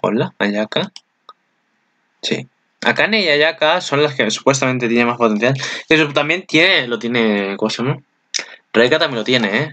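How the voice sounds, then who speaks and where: A man's voice: medium pitch, animated, moderate pace, sharp tone. A man, chatting casually as channel host in a rambling way, often correcting himself. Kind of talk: casual anime commentary.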